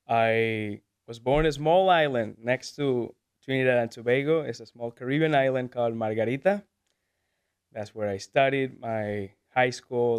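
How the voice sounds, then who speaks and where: A young Venezuelan man in his twenties, a native Spanish speaker, is the guest in a casual interview. His smooth voice is medium-pitched, and he's hesitant, using lots of fillers and laughing easily.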